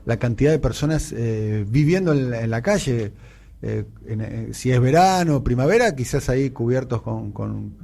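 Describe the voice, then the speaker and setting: A man with a Rioplatense Spanish accent hosting a radio interview, asking probing questions with frequent pauses and fillers. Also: medium pitch, animated, creaky, mellow. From Argentina. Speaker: radio show host.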